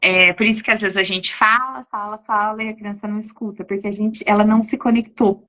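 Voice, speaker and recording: A woman's voice: mid-range voice, steady tone, fairly quick. A woman, an educator in her forties, casually answering parenting questions, often ending phrases with a questioning tag. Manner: warm explanatory, frequent "né?" tags. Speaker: educator giving parenting talk. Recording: dull lo-fi audio.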